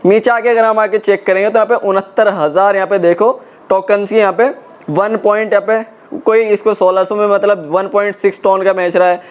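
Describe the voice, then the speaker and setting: A man's voice: sits high, clean tone. A young man casually walking viewers through an on-screen tutorial, chatty and repeating filler check-ins as he goes. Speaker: crypto tutorial YouTuber. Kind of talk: casual screen-walkthrough explanation.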